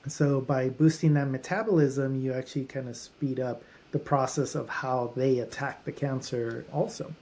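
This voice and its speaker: A man's voice: medium pitch, fairly even intonation, normal speed, few pauses, a little mellow. A man who is a doctor at a holistic clinic, a guest on a podcast, explaining treatments in runs of lists with frequent restarts.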